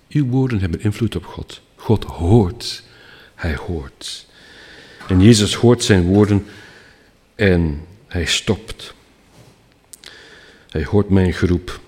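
A man preaching a sermon, earnest and emphatic, often slowing down and dropping almost to a hush. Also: lowish voice, husky, long reverb tail.

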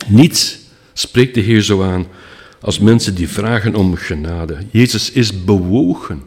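A man preaching a sermon, earnest and emphatic, often slowing down and dropping almost to a hush. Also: fairly low pitch, husky, long reverb tail.

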